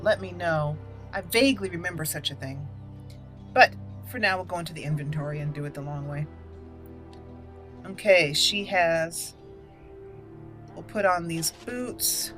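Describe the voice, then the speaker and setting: The host of a gaming channel, a woman whose voice is somewhat low and a little bright, narrates her gameplay in a relaxed way. She reads item names aloud and thinks through her moves while game music plays in the background.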